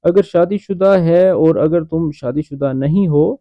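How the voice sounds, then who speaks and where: A man teaching spoken phrases from dramas, slowly repeating each line and explaining its meaning. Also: fairly high pitch, no room sound. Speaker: language teacher. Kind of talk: explaining drama lines to learners. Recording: muffled lo-fi voice-over.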